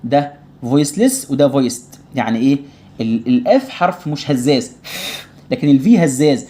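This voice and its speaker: Teaching English online to small children, an Egyptian Arabic-accented man speaks in a medium-pitched, dark voice. He patiently explains, says every word slowly and repeats it for drill, and keeps asking "tamam?" to confirm they understand.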